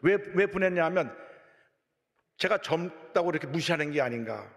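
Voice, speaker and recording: A male pastor preaching a sermon, telling a story animatedly, jumping between loud outbursts and hushed asides. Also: a little high, lively intonation, normal speed, in a large hall.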